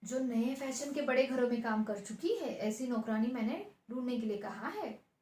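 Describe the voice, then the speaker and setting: A cheerful, bossy middle-aged aunt-in-law who talks in a jolly, teasing way, as a woman teacher reads her part. The voice is high-pitched. The room adds a clear echo. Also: normal speed, a little mellow, natural voice. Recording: roomy echo.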